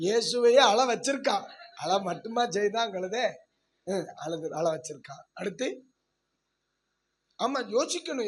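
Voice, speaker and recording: A male pastor preaching a sermon in a church service, asking the congregation questions and leading loud prayer. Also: sits high, a little hiss or hum. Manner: leads loud prayer and shouts of hallelujah.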